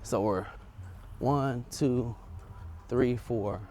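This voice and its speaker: A man's voice: mid-range voice, extremely slow, mellow. Man vlogging casually outdoors, faint background noise. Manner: informal, rambling, thinking aloud. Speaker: vlogger testing audio gear. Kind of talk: casual unscripted vlog chat. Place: outdoors, walking up a residential street. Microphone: wireless lavalier clipped to shirt.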